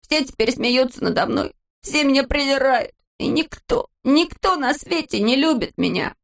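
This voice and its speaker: A woman voicing a boastful little boy who is tearful and sulky, in a high, whiny storybook voice. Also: normal speed.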